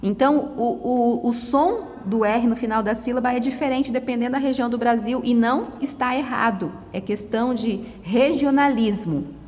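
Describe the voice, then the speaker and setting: A long reverb tail trails the somewhat high, darkish voice of a middle-aged Brazilian woman. She's teaching a classroom lesson one step at a time, patiently lingering on every word.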